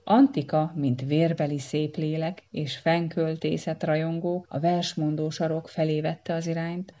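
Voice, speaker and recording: Low, mellow woman reading a storybook. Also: lo-fi sound. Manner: lively, expressive storytelling. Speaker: narrator.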